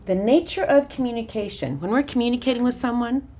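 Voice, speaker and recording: A woman with a raspy voice teaching a counseling workshop in a chatty, informal way, often restarting her sentences. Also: on the high side, fast. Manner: chatty, warm-hearted asides with frequent restarts and fillers. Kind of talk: informal teaching talk to a small group.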